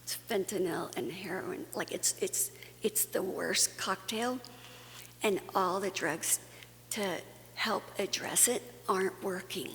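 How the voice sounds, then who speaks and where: A Guatemalan woman talks to a faith audience in an earnest, conversational conference plenary, with fillers and restarts along the way. Her voice is mid-range, slow, and fairly bright, heard through long hall reverb and a faint hum.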